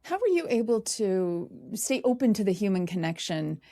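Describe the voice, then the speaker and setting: A woman hosting an interview, asking a guest measured, probing questions. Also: mid-range voice, sing-song, warm tone. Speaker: interview host.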